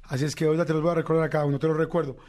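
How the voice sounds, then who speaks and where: A man's voice: a little high, little pitch movement, very fast, a little mellow. Playful teasing male radio host. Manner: playful and teasing, tender with kids. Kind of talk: casual on-air chat with children.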